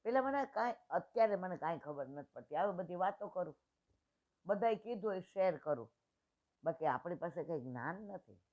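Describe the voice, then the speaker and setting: A woman's voice: fairly low pitch, animated, normal speed. Woman in her sixties on a tinny line. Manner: retells dialogues in plain homely speech. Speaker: satsang speaker. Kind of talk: devotional storytelling talk.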